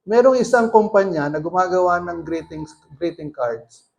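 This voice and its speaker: A man's voice: high-pitched, lively intonation, normal speed, creaky, darkish tone, muffled recording. A man preaching as pastor, mixing Tagalog and English and putting rhetorical questions to the congregation. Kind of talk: sermon.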